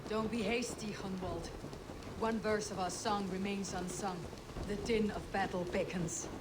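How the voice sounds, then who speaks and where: A woman playing a steady Viking warrior chieftain in a video game, speaking in a measured, commanding way. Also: medium pitch, lightly acted. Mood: calm resolve. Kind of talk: video game dramatic acting. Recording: loud wind and game ambience.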